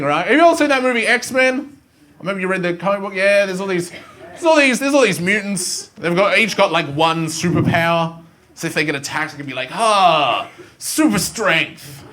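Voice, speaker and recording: An Australian man performing a live stand-up routine in a school theatre, telling stories in an animated way and slipping into quick voices. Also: sits high. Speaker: stand-up comedian. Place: school theatre before a live student audience.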